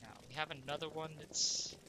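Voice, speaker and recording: A stuffed-up man, a let's play gamer, chats loosely while playing, wondering aloud and questioning himself as he goes. His voice sits on the high side, fairly even in intonation and at normal speed, with noise in the background.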